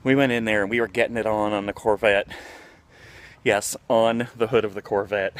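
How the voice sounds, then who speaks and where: A man's voice: fairly low pitch, fairly even intonation, moderate pace, a little hiss or hum. A man, telling candid stories in a casual vlog while walking outdoors. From Ohio, USA. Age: 40s. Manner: candid, rambling, with many fillers. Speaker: vlogger. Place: outdoors, walking through a neighborhood near a park.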